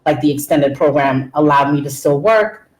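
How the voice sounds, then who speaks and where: A woman from Queens on a student panel, telling her story in a chatty, animated way. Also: sits low, moderate pace. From Queens, New York. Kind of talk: answering panel questions. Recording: echoey room.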